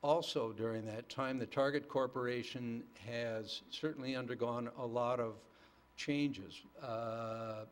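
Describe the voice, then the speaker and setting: A mature American man presenting to a public board as a company manager, genial and measured, often pausing mid-sentence. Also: medium pitch, steady tone. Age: middle-aged or older. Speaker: corporate development manager, petitioner.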